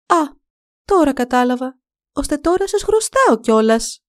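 A woman voicing a haughty mayor's wife who scolds in a loud, high voice in a storybook reading. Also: sing-song. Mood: indignant. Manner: shrill, scolding.

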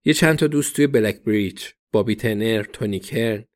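A man's voice: on the low side, natural voice. A man voicing a dry police detective who asks pointed questions in a read storybook. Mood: probing.

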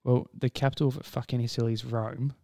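A man with a gravelly edge to his voice, co-hosting a casual podcast. He reads quiz questions aloud in a playful, joking way and chats loosely with his co-host. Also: mid-range voice, flat delivery, fast, warm tone. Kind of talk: casual chat.

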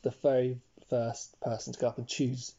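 Young man, relaxed mellow chatter, muffled lo-fi recording. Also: medium pitch, moderate pace, slightly rough. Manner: chatty, interjects often, trails off into mumbles. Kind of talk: casual chat.

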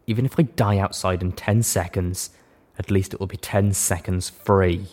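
A man voicing a wounded, sullen male pony who speaks slowly in low, flat, carefully measured tones.

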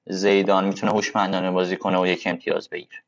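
A man co-hosting a football podcast, analysing casually and haltingly as he searches for words. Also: deep voice, level tone. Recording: dull, lo-fi live audio.

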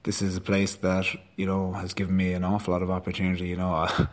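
A man's voice: low voice, monotone, fast. A man in his thirties with a west of Ireland accent, giving earnest, rambling, colloquial answers in an interview. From Galway, west of Ireland. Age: 30s. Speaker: rugby sports staff member, coach.

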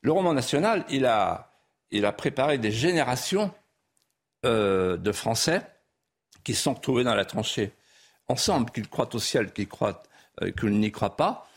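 In a studio interview, a French guest author whose first language was Vendée patois speaks lyrically and sweepingly, building to emphatic peaks. His voice is medium in pitch, lively in intonation, and unhurried.

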